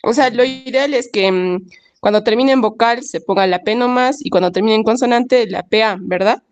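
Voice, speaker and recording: A woman's voice: fairly high pitch, normal speed. A woman, a student asking her teacher a question in an online class. She checks her understanding and asks for confirmation. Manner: inquisitive, seeking confirmation.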